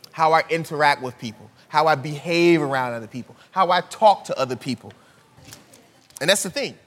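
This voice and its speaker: Speaking slightly higher than typical for a man, this preacher keeps his sermon easygoing and conversational, asking one rhetorical question after another. The audio has a long, hall-like reverb.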